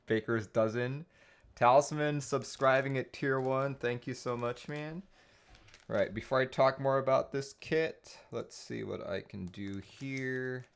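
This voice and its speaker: A man's voice: medium pitch, takes it slowly, vocal fry, smooth. A man from Taiwan hosting a live stream, chatting casually while greeting viewers and reading their messages aloud.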